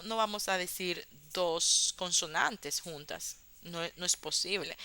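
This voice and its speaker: A woman teaches an English grammar lesson. She speaks slowly, in a patient step-by-step way, and pads her explanations with small fillers. Her voice is bright and smooth. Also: mid-range voice.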